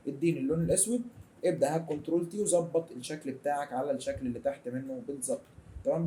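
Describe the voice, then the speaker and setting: A young man with an Egyptian accent gives a chatty, colloquial software tutorial over a screen recording. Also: fairly high pitch. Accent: Egyptian Arabic. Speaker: design tutor.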